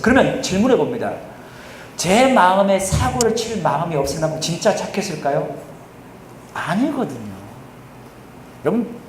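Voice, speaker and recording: Korean pastor preaching in an echoey hall. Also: male voice, sits high, slight background noise. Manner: asks the congregation questions and answers them himself; shifts often between loud and quiet delivery. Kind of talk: sermon. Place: church sanctuary. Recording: echoey church hall recording.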